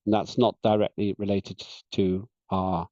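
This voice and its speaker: A man chairing an online parliamentary session, speaking in a measured, deliberate way with frequent "uh" fillers, over a slightly dull video call. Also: deep voice, little pitch movement, warm tone, no echo.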